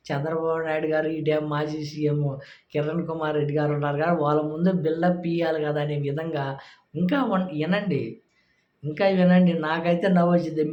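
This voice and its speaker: A man's voice: fairly high pitch, echoey room, dull audio, a little hiss or hum. A man commenting sarcastically on political speech clips in a casual, scoffing way.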